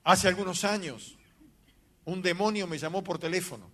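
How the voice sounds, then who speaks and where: A man preaching a sermon, telling a story with animated, dramatic bursts of emphasis. His voice sits high for a man and has a bright, forceful edge. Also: moderate pace. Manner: animated, dramatic storytelling with sudden loud outbursts. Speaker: pastor.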